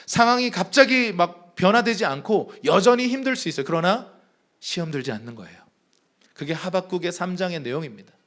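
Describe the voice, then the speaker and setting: A male pastor delivers a sermon in a church with a high, bright-sitting voice. His pitch leaps and dips constantly as he presses each point. He preaches emphatically and calls the congregation to read along with him. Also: animated, brisk. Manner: emphatic preacher, leads congregation in reading aloud. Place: church sanctuary.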